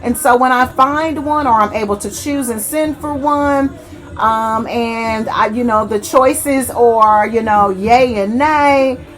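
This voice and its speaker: A woman's voice: on the high side, slow pace. A woman reviewing fragrances in a chatty, rambling way, often correcting herself and talking fondly to her viewers. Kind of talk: casual chat to camera.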